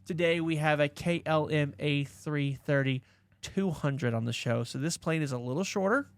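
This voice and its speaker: A man hosts a podcast, his voice sitting a little high for a man. He rambles and jokes with mock seriousness. The sound is close and dry. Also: normal speed, clean tone, dry recording. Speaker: podcast host. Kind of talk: casual podcast chat.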